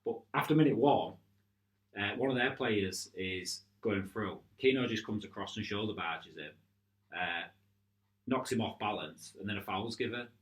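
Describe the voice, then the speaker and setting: A man's voice: on the low side, normal speed. A man co-hosting a casual futsal podcast, agreeing often and recounting match incidents. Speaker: futsal club podcast co-host.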